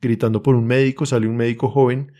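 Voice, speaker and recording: A man's voice: mid-range voice, little pitch movement, fast, mellow, muffled recording. A young man with a Bogotá accent, telling an emotional personal testimony as a podcast guest in an urgent, earnest way. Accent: Colombian, Bogotá. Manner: earnest, urgent storytelling, reenacts his own pleas.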